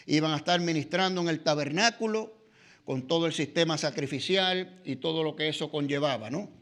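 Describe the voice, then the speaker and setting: Middle-aged man with a Latin American Spanish accent, church Bible class teacher, conversational, pitched high. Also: brisk, fairly bright tone. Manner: conversational, frequent "¿verdad?" and "¿no?" tags, filler "eh".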